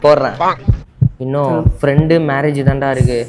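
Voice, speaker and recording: A man's voice: medium pitch, level tone, normal speed, natural voice. A man playing a cheeky, lazy schoolboy who jokes with his teacher and friends. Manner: cheeky, joking. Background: loud music.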